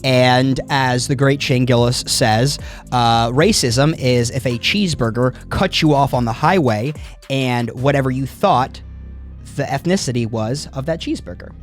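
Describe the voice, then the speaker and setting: A man co-hosting a comedy show and cracking dry, deadpan jokes in casual banter. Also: medium pitch, measured pace, soft background music. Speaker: co-host.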